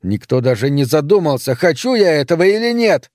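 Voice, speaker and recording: A man voicing a hot-tempered, rebellious young son who shouts back defiantly. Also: fairly high pitch, very animated, fairly quick, dry recording, studio quality.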